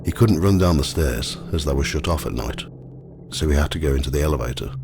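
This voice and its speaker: A man narrating a scripted ghost walk as the guide, telling the stories in a measured, matter-of-fact way. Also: a bass voice. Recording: clearly noisy, ambient sound behind.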